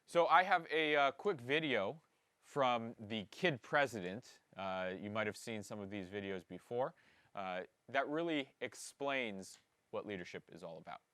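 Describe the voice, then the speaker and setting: A man's voice: mid-range voice, animated, moderate pace, pushed and bright, clean tone, no echo. A middle-aged male school principal addressing students at an assembly, in an earnest, encouraging way, often repeating words for emphasis.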